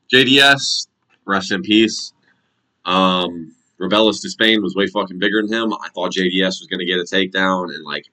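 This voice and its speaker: A man with an American accent and a low, forceful voice. He talks like a casual sports vlogger breaking down fights, blunt and full of slang and swearing. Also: low-quality recording. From United States. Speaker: MMA commentator and predictor. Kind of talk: casual fight recap and prediction vlog.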